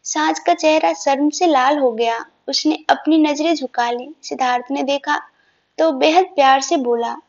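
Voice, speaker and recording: Woman narrator for an audio story, gentle steady reading, high voice, muffled sound. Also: unhurried. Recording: dull lo-fi recording.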